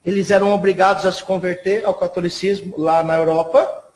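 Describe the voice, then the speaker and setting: A man from São Paulo, a guest historian on a TV interview, explaining softly and in a measured way with frequent tag questions. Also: high voice, fairly even intonation, a little hiss or hum. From São Paulo, Brazil. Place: TV studio.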